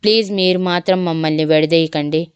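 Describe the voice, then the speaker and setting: A woman's voice: lowish voice, fairly even intonation, fairly quick, clean tone, no room sound, dull audio, natural voice. A woman voicing a young man who earnestly defends and reassures his beloved. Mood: earnest pleading. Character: young man, worried and protective lover.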